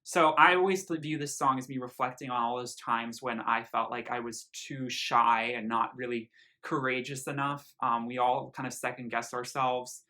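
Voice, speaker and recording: At normal speed and with a steady tone, a man with a mid-range, bright, forceful voice gives a casual, effusive album review. He is earnest, leans on emphasized words, and reads out lyrics.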